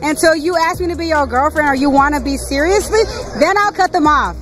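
Brash high-voiced young woman. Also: a little fast, fairly bright tone, faint music behind, some chatter behind. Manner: blunt, brash. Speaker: interviewee. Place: city street at night, outdoors. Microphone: handheld mic.

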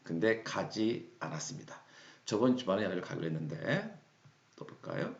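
A Korean man teaching English phrases, reading each example sentence slowly and deliberately. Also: lowish voice, huge pitch swings, creaky. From South Korea. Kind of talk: explaining English phrases in a lesson. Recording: roomy, dull lo-fi sound.

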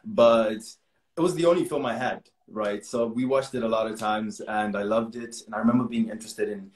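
Talking briskly in a lowish voice, with a roomy sound, this young man from Zimbabwe is an actor being interviewed casually over video call. He's in a small room indoors at home, chatty and earnest, and laughs a lot.

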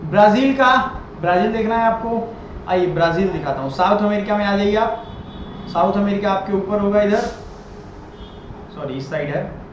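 A man with a high voice gives a lecture, repeating each point and quizzing his listeners. The recording sounds very echoey and dull, as if captured on a built-in mic in a bare room, with faint noise underneath. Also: expressive, moderate pace, long pauses. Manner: repeats items and quizzes the viewer. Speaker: exam-prep teacher. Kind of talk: classroom-style lecture over a map.

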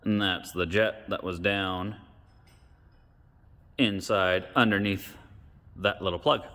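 In a garage workshop, a man talks his way through rebuilding a carburetor, folksy and thinking aloud as he goes. His low voice holds a steady tone and slow pace yet comes across pushed and bright, with the acoustics of a large hall.

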